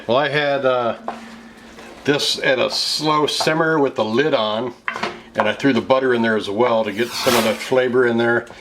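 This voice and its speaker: An American man in his fifties hosts a cooking show in a casual, explanatory way. His voice sits at an ordinary middle pitch. He is recorded in a home kitchen, with clear noise and clatter behind him. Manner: explanatory, conversational step-by-step narration. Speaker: cooking show host, chef. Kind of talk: casual cooking show host talking through a recipe.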